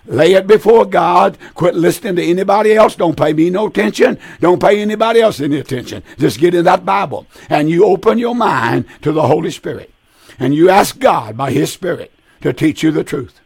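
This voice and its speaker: Creaky, worn-voiced male preacher. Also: high-pitched, animated, fairly quick, darkish tone, no room sound. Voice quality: weak, strained, husky voice. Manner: earnest, plain folksy exhortation with repeated phrases. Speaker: preacher hosting a call-in Bible show. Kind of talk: live Bible call-in preaching.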